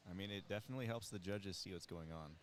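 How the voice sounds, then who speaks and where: A man with a very deep voice gives casual commentary at a fencing tournament, explaining the action and who is fighting whom. A faint wash of ambience sits behind him. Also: fast talker, a little hiss or hum.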